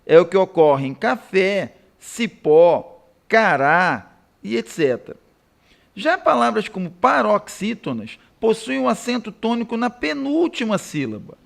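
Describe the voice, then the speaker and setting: A Brazilian man gives a recorded grammar lesson in a high, animated voice. His tone has a gravelly edge, and he slows down to spell out each example word. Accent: Brazilian Portuguese. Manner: didactic, spells out example words slowly. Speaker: Portuguese teacher.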